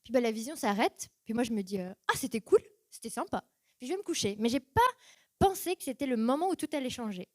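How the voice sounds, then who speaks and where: A woman's voice: on the high side, lively intonation, quick pace, dry recording. A young woman giving a personal church testimony, telling her story casually and acting out her past reactions in quoted voices.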